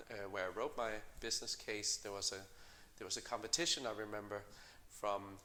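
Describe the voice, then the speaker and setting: A middle-aged man, a company co-founder, answering interview questions in a measured way with many fillers and restarts. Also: lowish voice, pushed and bright, a little hiss or hum. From Denmark.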